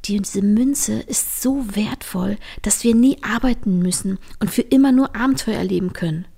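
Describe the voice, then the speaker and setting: Give me a woman reading as a gentle, loving young heroine from a storybook who speaks quietly and tenderly, close to the reader's own voice. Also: mid-range voice, normal speed, vocal fry, husky. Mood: hushed. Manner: soft, affectionate.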